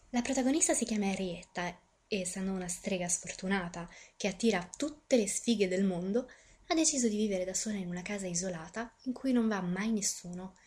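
A woman presenting a radio book show and reading a novel aloud in measured, expressive narration, in a studio. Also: mid-range voice, slight background noise. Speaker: audiobook presenter and reader.

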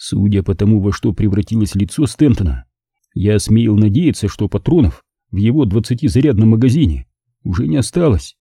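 A man narrating a first-person detective story as an audiobook, with an expressive storytelling manner. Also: fairly low pitch, brisk, husky, no room sound, clean studio sound.

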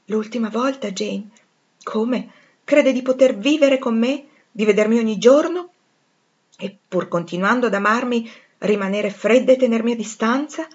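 A woman reading as a proud, passionate gentleman. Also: a little high, moderate pace, husky, highs cut off. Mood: pleading. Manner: intense, pleading. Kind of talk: audiobook reading.

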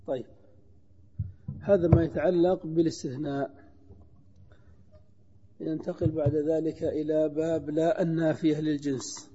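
Male grammar teacher, slow lecture. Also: on the high side, warm tone, breathy edge. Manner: slow, deliberate, repeats and quizzes students. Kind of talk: classroom lecture. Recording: dull reverberant lecture hall recording.

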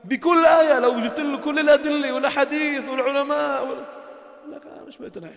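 A man's voice: very high-pitched, fairly even intonation, fast, vocal fry. A man preaching to a gathering. He tells stories with acted-out dialogue and builds to emphatic appeals. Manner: storytelling, acts out quoted dialogue, builds to emphatic exhortation. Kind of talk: informal sermon to a gathering. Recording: echoey hall.

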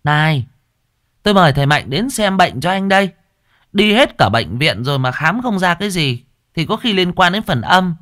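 A man voicing an anxious young village wife in a raised falsetto. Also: sing-song, moderate pace, fairly bright tone.

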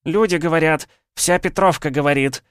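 A quarrelsome, hard-drinking village woman of about fifty hollers and scolds, as a man puts her on in a storybook reading. The voice sits high and shrill, far above the narrator's low register. The recording is smooth and dry. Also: normal speed, no echo, natural voice. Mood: shrill scolding.

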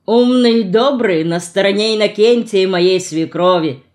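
A woman's voice: mid-range voice, moderate pace, darkish tone, lightly acted. Woman reading a bitter, unhappy woman.

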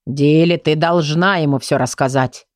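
A woman voicing a gruff, blunt male magical book. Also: deep voice, normal speed, no room sound, clean studio sound, voice pushed down, natural voice.

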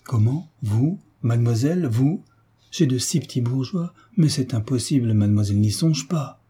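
A man's voice: mid-range voice, lively intonation, brisk, mellow, slightly rough. A man voicing a devoted, fawning governess in an audiobook, fussy and deferential. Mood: flustered. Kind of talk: audiobook character reading.

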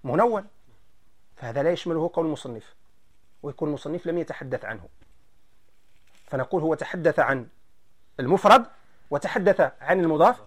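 A man with a Moroccan Arabic accent teaching a grammar lesson, explaining slowly and quizzing his students. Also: fairly high pitch, animated.

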